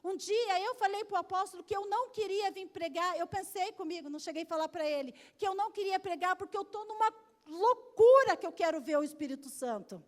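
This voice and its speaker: A woman's voice: extremely high pitch, brisk. A Brazilian woman pastor preaching a sermon in church, telling stories with emphatic repetition.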